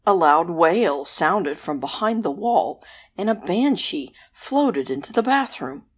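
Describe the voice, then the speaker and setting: A woman host narrating a bedtime story in a soft, gentle, unhurried way. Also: on the low side, animated, slightly rough.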